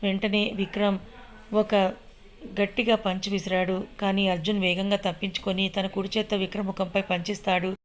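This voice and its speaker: Storyteller: woman, steady scripted narration, mid pitch, narrow melody. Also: a little fast.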